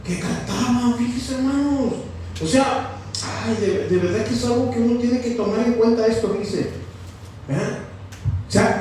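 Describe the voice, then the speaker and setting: A man's voice: sits high, a little mellow, a little hiss or hum. A man preaching a sermon to a congregation, constantly asking them questions and repeating "fíjese". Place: church hall. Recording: very echoey, from far off.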